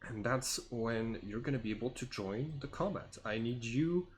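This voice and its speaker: A man with a mid-range voice works as game master, improvising the narration of a tabletop fantasy game. He often searches for words, speaking in a halting way.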